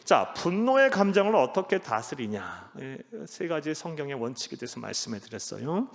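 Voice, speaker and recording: A man preaching a sermon as pastor, emphatic, swinging between loud exhortation and low, quiet passages. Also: vocal fry. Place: church sanctuary. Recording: church hall reverb.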